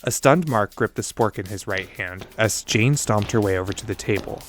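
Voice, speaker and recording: A man narrating a true-crime story as host in a lively, conversational storytelling manner. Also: moderate pace, faint music behind. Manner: lively conversational storytelling with wide pitch swings.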